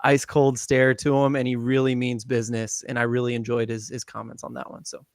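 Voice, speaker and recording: A man co-hosting a casual soccer live stream, chatty and upbeat with quick asides. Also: mid-range voice, monotone, clean tone, no echo, studio quality. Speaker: podcast co-host.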